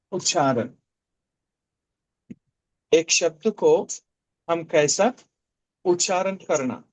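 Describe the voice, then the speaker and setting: Slow, repetitive male Greek teacher. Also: on the high side, rough recording. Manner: slow, repeats key words, explains step by step. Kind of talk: classroom lecture. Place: classroom with a board.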